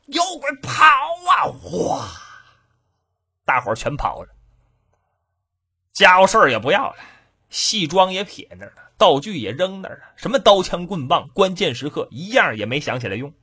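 A man telling a traditional comic story in a lively, dramatic, rhythmic way. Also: on the high side, slightly rough.

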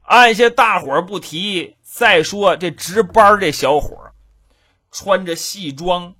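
A man telling a traditional comic story in a lively, dramatic, rhythmic way. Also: high-pitched, a little slow, breathy edge.

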